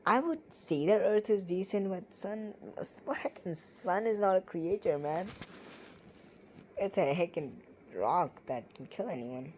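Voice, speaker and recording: A woman's voice: lowish voice, expressive, unhurried, a little mellow, a little hiss or hum, rough recording. A woman reading poems aloud and reviewing them in casual commentary, with sarcastic, playful, ranting asides. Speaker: poetry reviewer.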